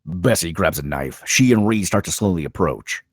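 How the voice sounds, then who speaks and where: Reading screenplay directions as a dramatic narrator, a man speaks with a very deep, husky voice that swings widely in pitch. He is animated and keeps a moderate pace, and the recording is dry.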